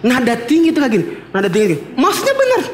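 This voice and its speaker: Pria berkhotbah dengan suara tinggi, bergema. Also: male voice, very high-pitched, big pitch swings, racing, darkish tone, reverberant, a little hiss or hum. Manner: humorous, playful, mimics wives' voices. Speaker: pastor. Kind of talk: sermon. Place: church.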